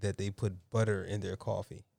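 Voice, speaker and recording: A man's voice: fairly low pitch, level tone, brisk, gravelly, warm tone, no room sound, studio quality. A man co-hosting a podcast, chatting casually and playfully. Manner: laughs easily, playful interjections. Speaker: podcast co-host. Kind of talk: casual comedic chat.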